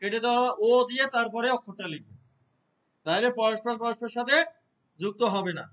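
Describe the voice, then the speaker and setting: A man's voice: very high-pitched, fairly quick, a bit bright, low-quality recording. A man teaching a computer lesson, explaining step by step and checking his students' understanding with frequent short questions. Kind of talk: classroom lesson.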